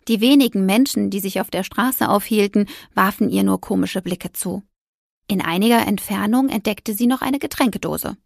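A woman reads a story aloud expressively, her voice grainy and a little husky. The sound is close and dry, with no room around it. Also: mid-range voice, normal speed, no echo. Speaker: narrator. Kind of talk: audiobook narration.

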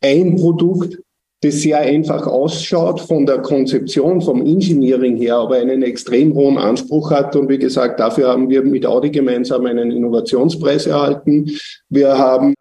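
A man, a company executive giving measured, technical answers in a business interview. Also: medium pitch, steady tone, vocal fry, warm tone, roomy sound, recorded from a distance, slight background noise.

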